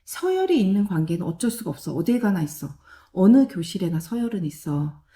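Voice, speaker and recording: A woman speaks straight to children and their parents, firm but caring, in short clear commands. Her tone is mellow and warm, with an ordinary pitch for a woman. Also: very animated, brisk. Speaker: child counselor giving advice. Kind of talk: direct advice talk to children and parents.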